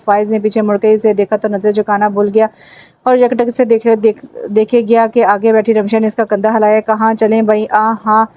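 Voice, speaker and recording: A woman reading a romance novel aloud as audiobook narrator, in a steady and even manner. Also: mid-range voice.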